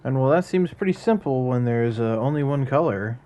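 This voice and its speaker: A man's voice: medium pitch, lively intonation, normal speed, lo-fi sound. A man giving casual, chatty commentary as he streams a video game, muttering at it when it goes wrong.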